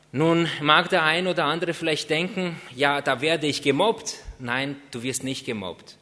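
A man's voice: medium pitch, pushed and bright, in a large hall. A man preaching a sermon, earnest, asking rhetorical questions and drawing out key words.

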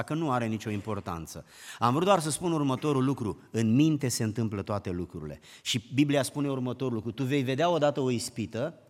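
A man preaching a sermon, emphatic, climbing to loud exclamations and then dropping low. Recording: long hall reverb.

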